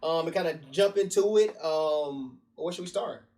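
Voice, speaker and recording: A man's voice: on the high side, moderate pace, darkish tone. A young man co-hosting a casual chat, upbeat and colloquial, playful with his co-host. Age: young adult.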